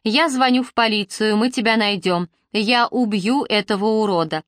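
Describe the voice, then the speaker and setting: A woman's voice: medium pitch, normal speed, no echo, clean studio sound, lightly acted. A woman voicing a worried, protective young man who pleads and grows agitated in a storybook reading. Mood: pleading.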